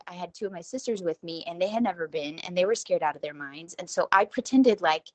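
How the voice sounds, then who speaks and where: A woman's voice: mid-range voice, dry recording. A woman in her forties from Texas, hosting a rambling, self-deprecating solo talk from her home kitchen. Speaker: podcast host. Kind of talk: casual solo monologue.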